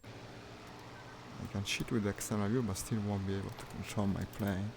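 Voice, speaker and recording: Over noisy stream audio, a man plays a flight simulator live and narrates it wryly, partly to himself. His creaky voice is on the low side, shows little pitch movement and runs at normal speed.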